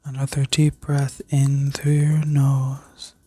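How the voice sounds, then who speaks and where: A woman whispering a soothing guided meditation in an ASMR style, like a sleep story narrator, gently giving instructions with a breathy voice. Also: very deep voice, completely flat delivery, slow pace, no room sound. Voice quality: breathy, mostly unvoiced whisper. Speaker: ASMR reiki healer and video host.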